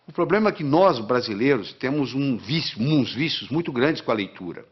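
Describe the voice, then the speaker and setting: A man explains study techniques, counting out the steps and driving key phrases home through repetition. His voice sits at a middle pitch. The recording is slightly muffled and lo-fi. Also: animated, moderate pace, slightly rough. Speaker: guest teaching study techniques. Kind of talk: instructional talk.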